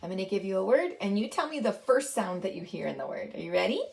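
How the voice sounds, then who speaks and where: A woman's voice: mid-range voice, big pitch swings, quick pace, creaky. A woman presenting early literacy lessons and playing patient, encouraging phonics games with her young daughter.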